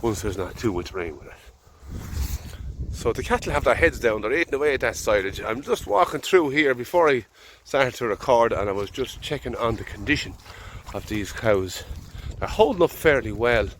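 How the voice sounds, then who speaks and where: A man's voice: medium pitch, animated, normal speed, a little hiss or hum. An Irish man farming, talking easygoing and rambling out in a field while fighting off a head cold. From Ireland. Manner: easygoing, rambling, thinking aloud. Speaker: farmer. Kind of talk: casual vlog narration. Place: outdoors in a field.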